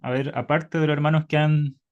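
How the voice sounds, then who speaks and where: A man's voice: on the high side, flat delivery, a little fast, a little mellow, muffled recording. A man teaching Hebrew in an online class by video call, patiently quizzing his students.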